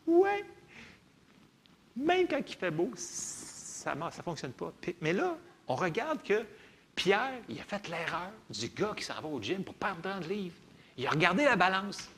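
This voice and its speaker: A Québécois pastor preaching a sermon, his voice sitting a little high and swinging widely in pitch. His tone carries a gravelly edge, and he keeps things chatty and lively, checking in with the room as he goes. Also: unhurried, slight background noise.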